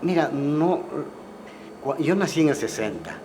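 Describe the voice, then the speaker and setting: A man, a guest musician recalling the past in a relaxed, storytelling way and often ending with tag questions. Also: a little high, a little slow. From Ecuador. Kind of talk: casual interview conversation. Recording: clear background noise.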